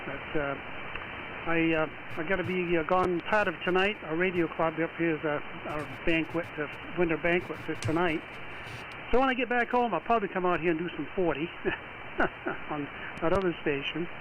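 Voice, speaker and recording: A man's voice: fairly high pitch, dull audio. A man from Maine, an amateur radio operator chatting casually on air with many fillers, heard over fading shortwave radio reception. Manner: easygoing, halting with many fillers. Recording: noisy, hissy shortwave receiver audio.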